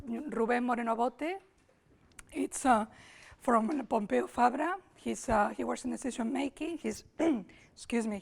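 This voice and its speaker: Hoarse today, a Spanish-accented lecturer from Spain with a slightly high voice works through her summer school talk by thinking aloud, with frequent restarts and repeated words in this academic setting.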